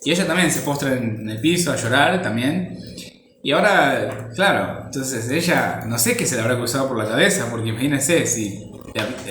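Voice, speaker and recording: A man's voice: medium pitch, fairly bright tone, echoey room, slight background noise. A man giving an informal Bible teaching, rambling and repeating words as he searches for the next phrase.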